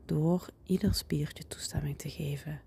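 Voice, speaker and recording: A woman leads a guided body-scan relaxation in a soft whisper close to the ear, giving slow, soothing instructions. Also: deep voice, steady tone, vocal fry. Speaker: guided meditation leader.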